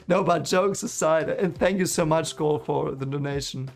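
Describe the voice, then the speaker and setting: A streamer reading a book series chats with his live chat about his book, rambling with plenty of fillers and restarts. He's a man with a German accent and German as his first language. His voice runs on the high side and is creaky, at a normal speed.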